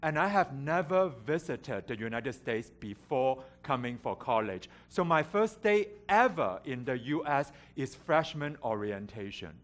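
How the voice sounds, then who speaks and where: A man's voice: mid-range voice, lively intonation, measured pace, hardly any pauses. Man, from Hong Kong, middle-aged, guest preacher, candid storytelling sermon, wry humor. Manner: candid, self-deprecating, with light humor. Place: church sanctuary.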